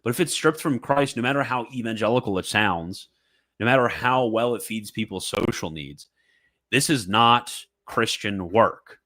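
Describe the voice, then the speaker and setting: A man's voice: fairly low pitch, normal speed, sharp tone. A man giving fervent, emphatic commentary, reading a religious text aloud and reacting with repetition and mocking asides.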